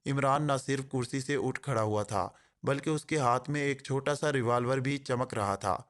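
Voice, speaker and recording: A man narrating a spy novel as an audiobook, reading steadily. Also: medium pitch.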